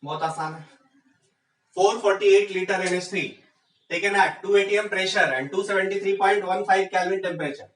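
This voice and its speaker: High-voiced man teaching chemistry. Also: steady tone, a little slow, echoey room, distant mic, low-quality recording. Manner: rhetorical questions, urging students on. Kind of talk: exam-prep lecture.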